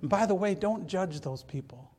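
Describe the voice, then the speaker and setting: With a high-pitched, expressive, mellow voice at a moderate pace, a man from Michigan preaches as pastor. He chats casually and jokes with the congregation, often repeating words as he opens a phrase.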